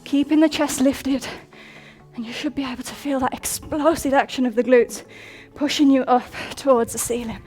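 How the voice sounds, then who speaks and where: A woman's voice: high-pitched, steady tone, normal speed, darkish tone. A young woman instructing a workout over music in an upbeat coaching manner, counting down reps and sometimes out of breath. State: out of breath at times. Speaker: fitness instructor.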